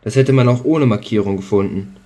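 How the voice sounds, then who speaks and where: A man's voice: fairly low pitch, brisk, dark tone, close to an everyday voice. A man voicing a young, reluctant recruit who mutters wry inner thoughts. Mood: musing.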